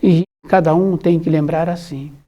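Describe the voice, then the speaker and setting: A spiritual teacher gives a slow, measured talk, repeating phrases and pausing between short clauses. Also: medium pitch, fairly even intonation, dull audio.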